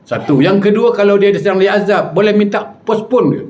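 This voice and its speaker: A man's voice: high-pitched, moderate pace. Jokey male preacher. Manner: animated, jokey, chuckling. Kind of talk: humorous storytelling sermon.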